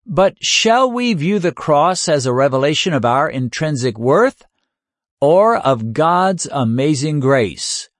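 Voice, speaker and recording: A man preaching a sermon in an earnest way, asking rhetorical questions and slowing down to stress key lines. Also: on the high side, sing-song, dry recording, clean studio sound.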